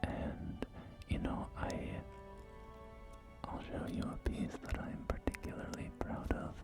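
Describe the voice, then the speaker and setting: Soft music plays beneath a breathy whisper as an ASMR performer takes on the role of a courteous, genteel estate agent. The phrasing is refined and the pace slow and hesitant.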